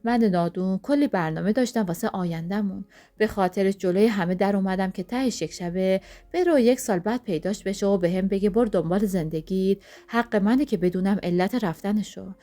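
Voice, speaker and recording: A woman's voice: mid-range voice, warm tone, natural voice. Woman reading as a furious heartbroken young man. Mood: hurt. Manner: pleading, accusing.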